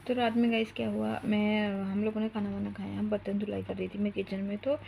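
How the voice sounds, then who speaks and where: Chatty woman vlogging with slight fry. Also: medium pitch, completely flat delivery, brisk, a little mellow, slight background noise. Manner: chatty, rambling, breaks off to coax her toddler. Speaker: mom vlogger. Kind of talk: casual storytelling vlog. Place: home.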